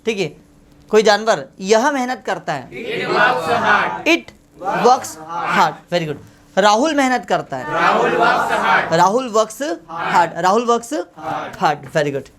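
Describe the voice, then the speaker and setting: Woman teacher drilling grammar line by line, kids shouting answers back in a packed classroom. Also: medium pitch, expressive, over a noisy crowd. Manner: slow, repeating each sentence for the class to echo; scolds pupils fondly as kids. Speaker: English teacher. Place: classroom full of students. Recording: classroom with a loud chorus of students. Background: students chanting answers.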